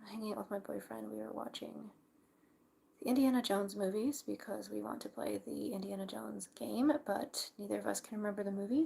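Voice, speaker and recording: Young woman, hushed whispery crafting chat, creaky and breathy, faint noise behind. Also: medium pitch. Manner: hushed library whisper, keeping quiet for sleepers. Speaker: craft livestreamer. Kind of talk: casual live crafting chat. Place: at home late at night, crafting.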